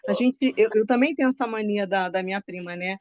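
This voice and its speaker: A woman's voice: medium pitch, brisk, darkish tone. Fervent, chatty woman sharing her faith. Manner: fervent and chatty, often asks "né?". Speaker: guest speaker sharing a testimony. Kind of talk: religious testimony to a group.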